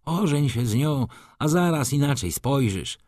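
Here a man narrating a book takes on an excitable old shop clerk, fussing and coaxing in a lively, raised voice that bounces up and down. Underneath it is a natural, mid-range voice lifted above his own pitch, delivered a little slowly, dry and close with no echo or room sound. The chatter comes across as eager and pleading.

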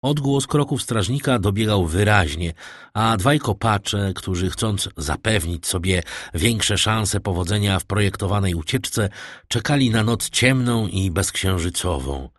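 A man reading a classic novel as an audiobook narrator, in a measured, even literary manner. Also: fairly low pitch, no room sound, studio quality.

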